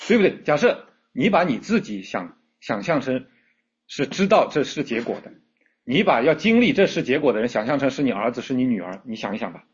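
A man's voice: mid-range voice, sing-song, a little fast, slightly rough, highs cut off. A man preaching a sermon in a church, earnest, repeating his words and asking the congregation questions. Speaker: pastor.

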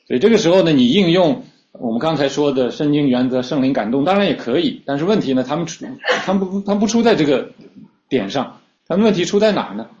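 A man's voice: a little high, animated, quick pace, darkish tone. A man preaching a sermon, teaching scripture in a conversational way with frequent fillers and repeated starts. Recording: slightly dull lo-fi recording.

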